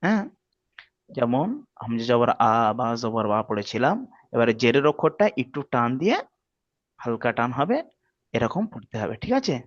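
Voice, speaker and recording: A man teaching Quran reading, slowly spelling out letters and vowel marks and often checking that his students follow. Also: medium pitch, sing-song, dry recording, dull audio. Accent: Bangladeshi Bengali. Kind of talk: slow spelled-out recitation lesson.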